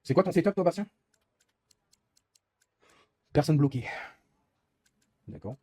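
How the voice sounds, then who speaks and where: A man's voice: a little high, slow pace, dark tone, no echo. A young man live-streaming while gaming, rambling in casual chat and swearing often as he complains.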